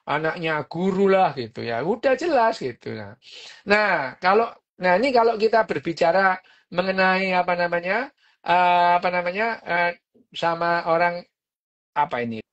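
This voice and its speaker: Lively, chatty woman. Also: lowish voice, moderate pace, highs cut off. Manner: chatty, peppered with fillers, jokes and laughs. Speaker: podcast host explaining a book. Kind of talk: casual explanatory chat.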